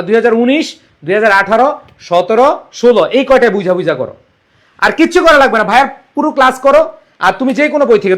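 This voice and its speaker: A man's voice: very high voice, a bit bright. A young man teaching an online exam-prep English lesson, coaxing and repeating rules for his students. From Bangladesh.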